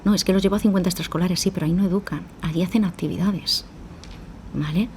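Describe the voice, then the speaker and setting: Woman psychologist, lowish voice, explanatory, faint background noise. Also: fast talker, darkish tone. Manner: explanatory, acts out dialogues with parents. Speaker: psychologist guest. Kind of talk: podcast interview.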